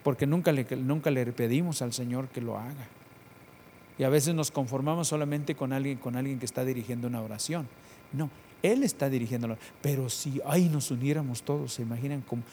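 A man preaching a sermon, swinging between loud emphatic calls and quiet prayerful passages, repeating phrases for emphasis. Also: medium pitch, a little fast, slight background noise.

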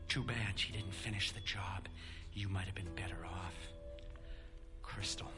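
A man's voice: low voice, fairly even intonation, unhurried. An actor playing a bitter, cruel male professor who sneers and insults his students, over a music score. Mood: contemptuous.

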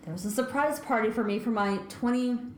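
A woman's voice: on the high side, quick pace, lightly acted. A woman playing a frantic, easily overwhelmed young woman in an improv comedy scene. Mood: distressed. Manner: frantic and dramatic. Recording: roomy echo, faint noise.

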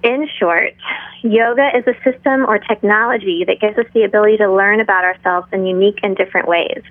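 A middle-aged woman speaking in a calm, measured, instructional manner, like a yoga teacher guiding a class. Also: mid-range voice, dry recording. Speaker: yoga instructor, interview guest. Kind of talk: interview talk with guided breathing and pose instruction. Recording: tinny narrow phone-like line.

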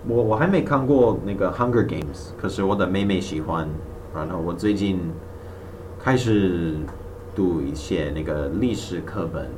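A distant, noisy recording of a man with a low voice. He is a native English speaker using foreign-accented Mandarin, halting and very unhurried, as in a relaxed language exchange. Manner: halting, hesitant learner's Mandarin. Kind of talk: casual language-exchange chat. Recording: distant microphone, clearly noisy background.

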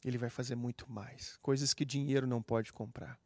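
Brazilian guy preaching, heartfelt storyteller, middle pitch, dry close sound. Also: little pitch movement, a little fast, no room sound. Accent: Brazilian Portuguese. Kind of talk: sermon with personal testimony.

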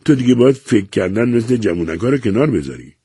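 A man voicing a cold, measured woman who speaks firmly and without mercy, in an audiobook reading. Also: lowish voice, lively intonation, warm tone, husky, no room sound, studio quality, voice pushed up. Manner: measured, firm, unyielding. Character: cold, measured estranged wife.

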